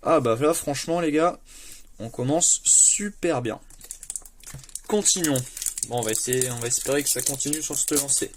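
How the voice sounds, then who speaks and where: A man chatting casually as he opens trading card packs, with lots of fillers, stumbling over English card names and bursting with excitement at good pulls. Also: mid-range voice, moderate pace, a little hiss or hum. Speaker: card collector opening booster packs. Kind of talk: casual unboxing commentary.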